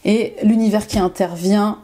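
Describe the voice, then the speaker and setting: A woman's voice: medium pitch, steady tone, measured pace, warm tone. A woman life coach reading tarot cards for her viewers, encouraging and repeating affirmations, with frequent fillers and bursts of enthusiasm. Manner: enthusiastic, exclaims often.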